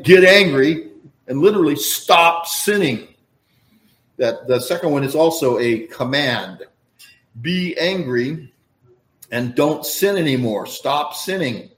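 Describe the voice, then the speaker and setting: Folksy preaching man in an echoey room. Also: mid-range voice. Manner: conversational, folksy, explains and asides. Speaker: pastor. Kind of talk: sermon.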